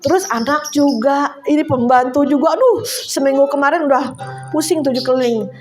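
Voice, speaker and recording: Older woman preacher, higher voice, chatty emotional sermon style, soft music underneath. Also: normal speed. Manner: conversational, emotional storytelling with laughs. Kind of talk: sermon testimony. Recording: faint music behind. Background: soft instrumental music.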